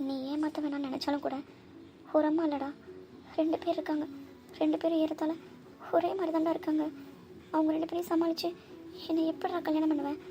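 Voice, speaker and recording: A woman's voice: sits high, little pitch movement, a little fast, pauses often, warm tone, faint music behind. A woman voicing characters in a family drama cartoon, pleading and tender in some scenes and urgent and tearful in others. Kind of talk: acted cartoon dialogue.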